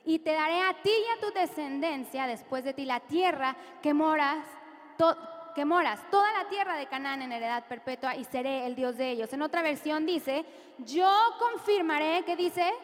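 A woman's voice: high voice, expressive, normal speed. A woman preacher with a Latin American Spanish accent, leading the congregation in repeated declarations during a sermon. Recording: reverberant church hall with music. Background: music.

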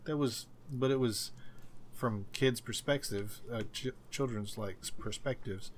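A man co-hosting a podcast in casual chat, rambling and halting, often restarting his thoughts. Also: mid-range voice, a little hiss or hum. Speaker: podcast co-host.

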